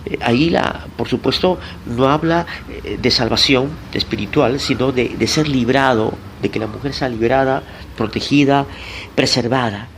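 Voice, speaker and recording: A pastor gives a Bible teaching sermon, speaking deliberately, posing questions and answering them himself, and talking straight to his listeners. He spells Greek words out letter by letter. His voice is mid-range, and the poor audio carries a little hiss or hum.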